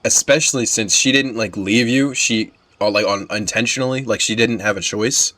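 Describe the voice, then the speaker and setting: This gamer has a lowish voice with a sharp tone, speaking at normal speed in a dry recording. He reacts casually and candidly, full of slang, as he plays, with game music running behind him.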